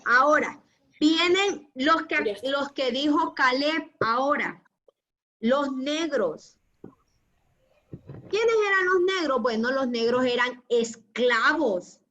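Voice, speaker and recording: High, bright-voiced woman teacher. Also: animated, takes it slowly, muffled recording. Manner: patient, affectionate, asks the class questions. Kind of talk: online class lecture.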